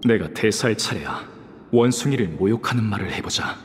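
An actor playing a young student hero in a game, thinking aloud in a low-key, thoughtful inner monologue. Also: male voice, lively intonation, brisk, big-room sound, faint music behind, lightly acted. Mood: calm, deliberating. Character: young male student hero musing inwardly before his lines. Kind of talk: anime-style game voice acting.

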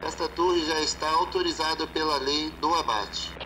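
A man's voice: fairly high pitch, fairly even intonation, normal speed. A man playing an air traffic controller, heard over a cockpit radio and using formal radio procedure talk. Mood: stern. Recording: distant, noisy film audio.

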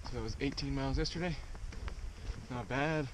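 Speaking at normal speed in a medium pitch, a young thru-hiker films a casual vlog on a mountain trail with an action camera at arm's length. He takes things easy and pokes fun at himself with laughter, winded whenever he climbs, and the outdoor camera mic carries background noise.

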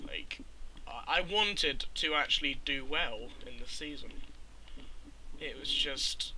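Exasperated young man, bright voice. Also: mid-range voice, slight background noise, rough recording. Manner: exasperated, swearing, quick reactions. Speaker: gamer commentator. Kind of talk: casual let's-play commentary.

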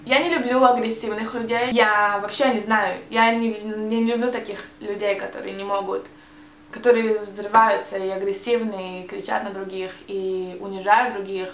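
A young adult vlogger with a Hebrew accent speaks Russian as a second language in a casual tag video, often hesitating and restarting words. Her voice is medium-pitched and level at normal speed, picked up by a camera mic as she sits facing it in a small, bright indoor room. The sound is roomy with a little hiss or hum.

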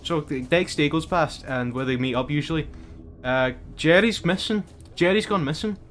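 A man's voice: a little high, moderate pace, fairly bright tone. A young man streamer in casual, rambling chat who often stops and restarts his words.

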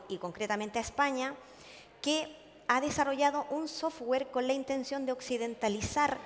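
Earnest woman lecturing in a reverberant hall. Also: a little high. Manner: earnest, full of hesitations, checks in with listeners. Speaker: conference speaker. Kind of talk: public lecture to an audience. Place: large conference hall.

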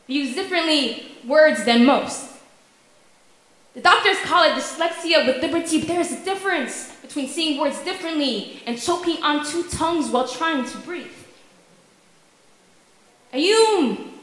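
A young woman with a high-pitched, somewhat bright voice performs spoken word at a stand microphone in a wood-paneled hall. Her rhythm is strong and emphatic, marked by intentional stammered repetitions.

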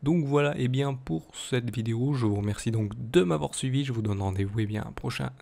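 A man's voice: mid-range voice, brisk, vocal fry, warm tone. A man with a French accent hosting his small channel, talking casually with many fillers and restarts. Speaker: youtube channel host. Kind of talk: casual video outro commentary.

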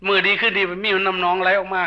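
High, bright-voiced Isan monk preaching. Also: male voice, little pitch movement, rapid-fire. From northeastern Thailand. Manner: folksy storytelling with jokes. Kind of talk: sermon. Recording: dull lo-fi sermon recording.

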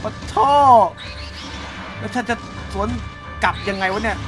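Excitable high-voiced male game streamer. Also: a little slow. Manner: excitable, loud exclamations and repeated cries. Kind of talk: live gameplay commentary. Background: game music.

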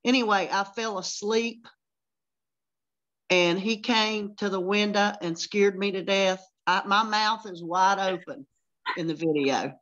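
A woman's voice: mid-range voice, steady tone, a little slow, a bit bright, lo-fi sound. An older woman with a Southern US country accent, telling a chatty story on a casual group video call.

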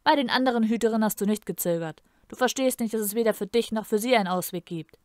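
A woman's voice: fairly high pitch, fast talker, dry recording, clean studio sound, natural voice. A woman reading aloud and voicing a cruel, imperious male emperor in a menacing, commanding tone. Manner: menacing, commanding, bursts into furious shouting.

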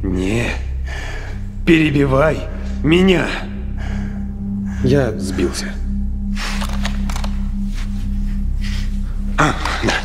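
An actor playing a gloating, theatrical male villain who relishes revenge, moving between hushed menace and gleeful boasting in a dramatic monologue. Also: medium pitch, very animated, drawn-out words, heavily acted. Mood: smug, irritated. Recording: loud music underneath.

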